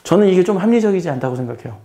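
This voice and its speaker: A middle-aged male math teacher and lecturer talks through a lesson as a casual spoken lecture, using a mellow, somewhat high voice. Expressive and racing, he keeps a plain explaining tone, repeats himself for emphasis and often asks the listener questions.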